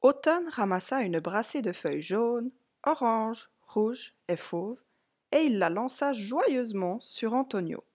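A woman reading a picture book aloud to children, slow and clear, speaking directly to the young listener. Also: a little high, animated, a little mellow. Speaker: storybook reader. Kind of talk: read-aloud story for children.

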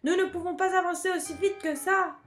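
A woman's voice: very high-pitched, fairly even intonation, brisk, pitched above the performer's own voice. A woman playing a pleading, frightened porter. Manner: pleading cries. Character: exhausted male mountain porter, frightened.

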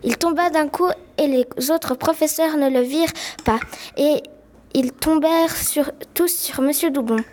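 A woman's voice: high voice, a little slow, a little mellow, slight background noise. A woman narrating a story in a plain amateur reading, with small slips.

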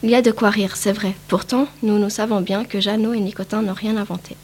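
A woman's voice: medium pitch, steady tone, brisk, a little mellow, a little hiss or hum. A woman narrating a picture book aloud, reading carefully with small slips. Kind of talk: storybook read-aloud.

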